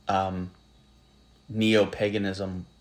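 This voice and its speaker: Man, General American accent, low pitch, reflective, halting podcast talk. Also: flat delivery. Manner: reflective, halting, many restarts. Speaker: podcast co-host. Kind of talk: casual conversation.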